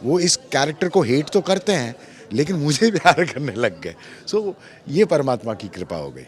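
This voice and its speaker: A man being interviewed about an acting role, telling lively stories, acting out quoted lines and mixing in English phrases. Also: fairly high pitch, normal speed. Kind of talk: animated storytelling interview.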